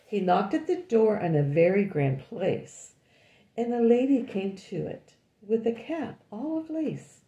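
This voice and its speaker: An older woman reads a picture book aloud to a child, slow and unhurried. Her voice is dark and gravelly with a lively rise and fall. The sound echoes in a roomy space. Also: medium pitch, lo-fi sound. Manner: pauses often to comment and ask the child questions. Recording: echoey room.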